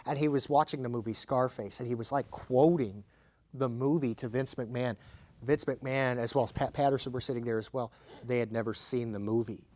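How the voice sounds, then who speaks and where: A man of middle pitch hosting a casual wrestling chat. He tells stories and keeps putting questions to his guests. The voice is recorded dry and close. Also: steady tone, fairly quick, a little mellow, no room sound. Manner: chatty storyteller who asks lots of questions.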